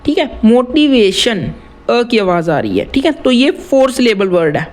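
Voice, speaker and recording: A man with a notably high voice walks through rhyme basics in a relaxed tutorial tone. He repeats words slowly, breaking them into syllables, and mixes in English terms. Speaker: rap writing teacher. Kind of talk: casual tutorial explanation.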